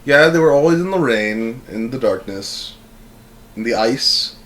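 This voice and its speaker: A man's voice: mid-range voice, a little slow, a little hiss or hum, rough recording. A man co-hosting a casual film review podcast, rambling and joking as he talks. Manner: rambling, animated, jokey. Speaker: podcast co-host.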